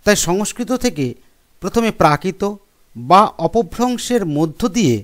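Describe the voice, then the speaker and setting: A man's voice: sits high, lively intonation, normal speed, fairly bright tone. A man teaching a school grammar lesson, explaining step by step and listing examples one by one. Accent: Bengali. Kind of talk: classroom lesson.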